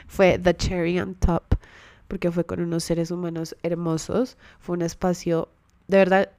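A woman's voice: on the low side, a little mellow, no room sound. A young woman hosting a podcast, telling a story in a candid, chatty way, with casual swearing, close to the microphone. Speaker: podcast host.

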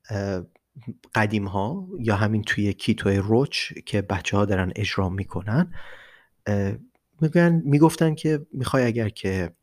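A man with an Iranian Persian accent explains things as a solo podcast host, speaking in a deliberate, emphatic way and repeating words for stress. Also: fairly low pitch.

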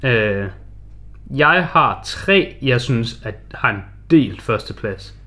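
A man with a Danish accent talks casually as a podcast co-host. His voice sits at an average male pitch, and he delivers his thoughts as informal film chat. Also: expressive, bright, forceful tone.

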